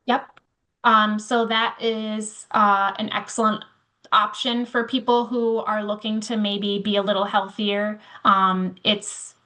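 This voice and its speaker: A woman with a bright, forceful voice of middling pitch answers audience questions during a webinar. She is heard over a video call and talks hesitantly, with many fillers. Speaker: webinar presenter.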